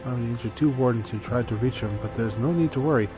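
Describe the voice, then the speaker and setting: A man's voice: mid-range voice, racing, lightly acted. Man playing a formal warden officer over music. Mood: formal, grim. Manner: formal, deferential. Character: hulking warden officer, scowling, nervously deferential to his ruler. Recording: music behind the voice.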